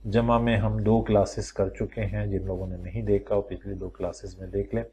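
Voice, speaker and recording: A low-voiced male Quran teacher leads a recorded lesson, working through the material step by step and putting questions to the class aloud. When listing examples he slows down and stretches out each word form. His delivery is flat and dark-toned, with a slight hiss or hum underneath.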